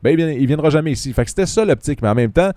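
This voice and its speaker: Quebec man, radio news host, quick chatty delivery, dark dry voice. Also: fairly high pitch, expressive, no room sound. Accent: Quebec French. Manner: quick, chatty, restarts and fillers. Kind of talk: news report and casual radio chat.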